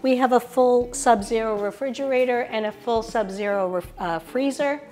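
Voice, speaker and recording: Soft background music plays as a middle-aged woman, speaking at normal speed in a slightly high voice with a darkish tone, runs through the features of a show apartment kitchen indoors. Her showcase tour is polished and enthusiastic, one selling point after another.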